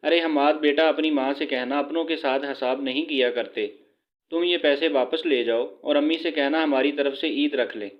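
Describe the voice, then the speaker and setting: A resigned, kindly mother soothes her daughter in a storybook reading, voiced by a male narrator. The voice sits a little high for a man and has a dull, lo-fi sound. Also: steady tone, lightly acted. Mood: soothing.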